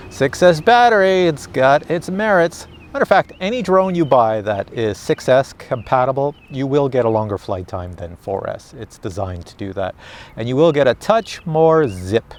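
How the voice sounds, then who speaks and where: A chatty, excitable man talks to his viewers in a casual commentary. His pitch swoops up and down freely. He is recorded outdoors. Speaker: drone reviewer. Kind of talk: casual live commentary while flying.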